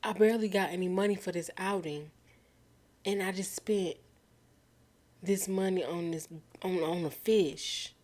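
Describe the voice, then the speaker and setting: A woman's voice: fairly low pitch, a little slow, pauses often, a little mellow. A woman streamer playing a game, reading its text aloud and reacting in a casual, slangy, incredulous way. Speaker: gaming streamer.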